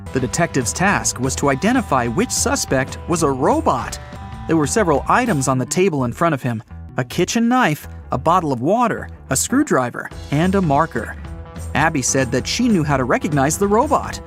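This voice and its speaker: Male narrator for riddle stories, slightly high voice, very animated delivery.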